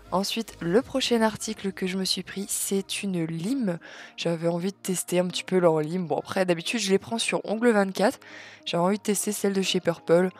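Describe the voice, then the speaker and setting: A woman reviewing nail polish in a chatty, enthusiastic haul video. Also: medium pitch. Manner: chatty, enthusiastic, repeats "très, très". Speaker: nail art vlogger.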